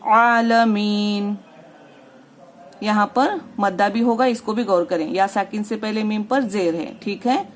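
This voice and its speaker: A woman's voice: medium pitch, moderate pace, hardly any pauses, darkish tone, slight background noise. A woman teaching the rules of Quran recitation step by step. She patiently checks understanding and draws out words when she demonstrates them. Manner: patient, repeats "theek hai" to check understanding.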